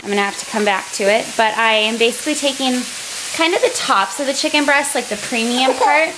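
A woman's voice: a little high, fairly quick. A woman in her twenties chatting casually as she meal-preps in her home kitchen, explaining each step with lots of fillers, filmed on a handheld camera. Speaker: vlogger. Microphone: handheld camera, sometimes close selfie framing, sometimes far. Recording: home recording with loud kitchen noise.

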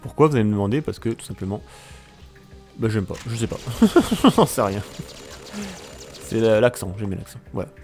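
Playful male let's-player, talks to viewers, swings up and down in pitch, soft music under him. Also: animated, normal speed, long pauses. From France. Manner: joking, exclaims at the action, talks to viewers. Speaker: let's play commentator. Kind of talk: casual gameplay commentary.

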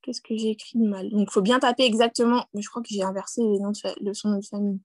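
Talking fast in a medium-pitched voice with fairly even intonation, a woman leads a screen-share tutorial on a video call; there's no echo. She heads a network marketing team and chats freely with lots of fillers and restarts, checking in with "d'accord?" and laughing at her own English.

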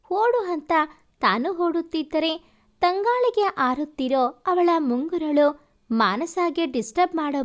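A woman narrating a romance story in slow, even storytelling, reading the characters' lines herself. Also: high-pitched.

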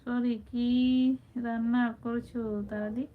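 A woman with a fairly flat, high-leaning voice speaks slowly while hosting a casual live stream. Over tinny, phone-like audio with faint background noise, she chats affectionately, calling viewers brother and sister and reading their comments aloud.

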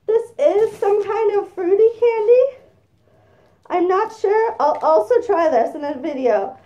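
Excitable woman vlogger with a very high, warm voice, speaking from inside a costume head. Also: measured pace, dull audio. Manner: chatty and excitable, gushing over gifts. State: talking through a costume head. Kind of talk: casual unboxing chat.

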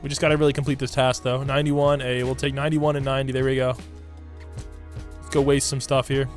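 A man with a hoarse, raspy smoker's voice, recovering from losing it, giving slangy, hyped game commentary to his viewers over music. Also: medium pitch, level tone, quick pace. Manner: slangy hype talk addressed to viewers. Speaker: gaming YouTuber. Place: indoor room at a computer. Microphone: desk microphone close to the mouth.

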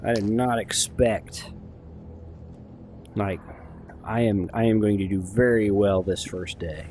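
A man's voice: fairly low pitch, steady tone, slow, a little mellow, faint music behind. A man giving casual, rambling gameplay commentary as a video host, chatty, informal and self-deprecating.

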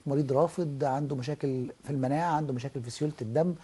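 Fast-talking Egyptian doctor explaining. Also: male voice, medium pitch, mellow, husky. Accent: Egyptian Arabic. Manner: fluent and explanatory, acts out examples. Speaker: ENT professor and guest doctor. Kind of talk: explanatory TV health talk.

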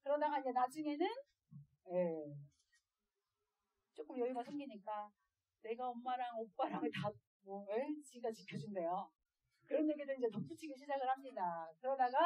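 A woman speaking as an adoptive mother to other parents, telling stories in a lively way and often laughing. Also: high voice. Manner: lively, acts out quoted voices and laughs often. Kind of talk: storytelling lecture to parents.

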